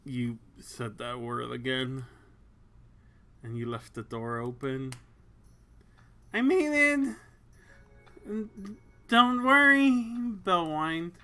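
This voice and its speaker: Streamer, casual live-stream read-along, slow unhurried talk, crude swearing, faint music underneath. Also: mid-range voice, bright, forceful tone. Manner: crude and swearing, laughs often; reads narration aloud, breaks off to joke. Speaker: Twitch streamer reading a visual novel aloud.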